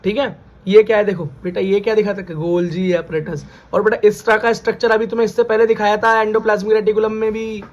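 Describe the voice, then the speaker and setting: Male Hindi-speaking biology tutor with a high voice, drilling terms through repeated questions, on a muffled lo-fi recording. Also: level tone, fast. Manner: repeats key terms as questions, calls students "beta". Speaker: biology teacher. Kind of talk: classroom lecture.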